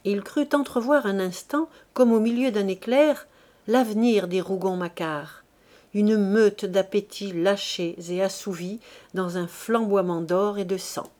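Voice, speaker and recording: A woman narrating a classic novel as an audiobook reader, in a steady, expressive reading. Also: medium pitch, unhurried.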